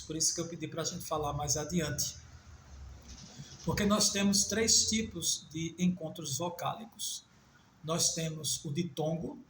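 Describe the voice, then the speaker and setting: A man from Northeast Brazil with a Northeastern Brazilian accent, teaching a Portuguese grammar video lesson and spelling out letters slowly with small self-corrections. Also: fairly high pitch, a bit bright, roomy sound, a little hiss or hum.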